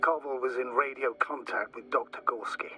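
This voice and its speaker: A steady male mission operator in a video game, guiding a teammate from afar. He speaks in a measured, instructive way and reasons aloud. A game score plays clearly behind him. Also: mid-range voice, poor audio. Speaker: remote mission operator on the radio. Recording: game audio with music under.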